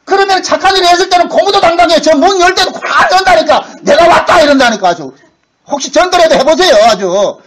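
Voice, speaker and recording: A man preaching a sermon as pastor, talking in a colloquial way and acting out quoted voices, from loud bursts to hushed asides. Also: very high-pitched, animated, fast talker, a crowd in the background, poor audio. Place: church sanctuary.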